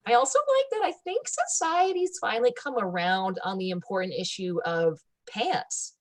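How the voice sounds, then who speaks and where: A woman co-hosting a comedy show, talking in a laid-back, deadpan, ironic way full of "like" and "you know". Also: mid-range voice, normal speed. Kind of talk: deadpan satirical wellness chat.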